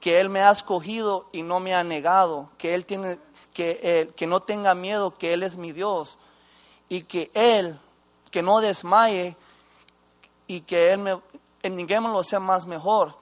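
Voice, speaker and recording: High-voiced man, halting testimony. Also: steady tone. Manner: halting, with restarts and mixing in English phrases. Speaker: former inmate giving testimony. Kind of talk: personal faith testimony.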